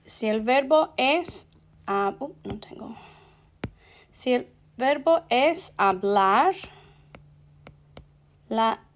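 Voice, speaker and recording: A woman teaching a language lesson, explaining verb endings slowly and deliberately, dropping English fillers like "so" and "ok" between her Spanish. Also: on the high side. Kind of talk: slow classroom explanation.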